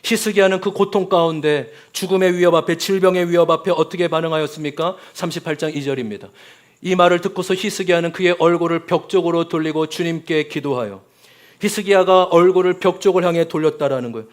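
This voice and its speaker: A man's voice: fairly high pitch, fast. A man preaching a Sunday sermon as pastor, often calling out to the congregation and acting out quoted voices.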